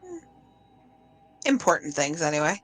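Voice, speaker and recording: A woman's voice: low-pitched, sing-song, measured pace, heavily acted. A woman voicing a sly, smug captive woman who teases with dry, mocking remarks during a tabletop role-play. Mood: sardonic.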